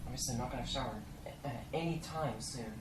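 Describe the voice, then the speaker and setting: Here the weather-radio reviewer speaks quickly in a mid-range voice, offering casual, meandering commentary to the camera like an eager hobbyist chatting with pals. It's a noisy amateur clip with a stormy backdrop.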